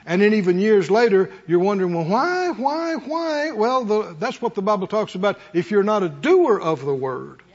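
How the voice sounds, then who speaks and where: Preaching at normal speed with few pauses, a middle-aged or older man uses a high voice and lively intonation. He speaks in a folksy, conversational manner, telling homely stories and asking rhetorical questions, in a muffled hall with long reverb.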